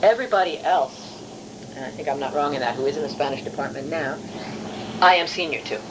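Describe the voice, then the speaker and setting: A middle-aged Hungarian professor, a non-native English speaker, recalls her academic career in an oral history interview, in a discursive, careful, self-correcting way. She talks fast in a low voice against a noisy background.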